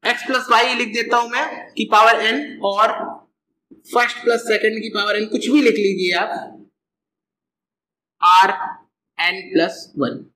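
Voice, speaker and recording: A man's voice: sits high, steady tone, slow, pauses often, sharp tone, reverberant, rough recording. A man teaching a math lesson, explaining step by step and asking and answering his own questions.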